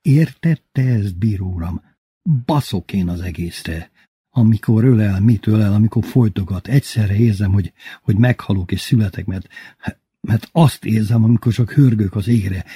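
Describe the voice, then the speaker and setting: Guy doing a drunk old uncle, loud and crude, husky and dry. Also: medium pitch, no room sound, natural voice. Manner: rowdy, pompous toasts, crude swearing. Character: boisterous drunk older man, lovesick and crude.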